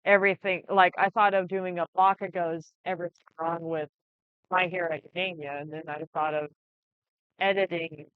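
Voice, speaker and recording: An anime channel creator giving a casual channel update, talking in a halting, rambling way with many restarts. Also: mid-range voice, level tone, smooth, no room sound. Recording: dry, slightly dull lo-fi recording.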